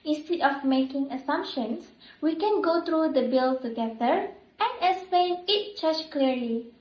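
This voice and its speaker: A young female nurse acted by a woman speaks in a notably high voice with scripted, formal empathy. She is an earnest mediator in a role-play, recorded in an echoey room. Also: animated, measured pace, darkish tone. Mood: reassuring, calm. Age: young adult. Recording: roomy echo.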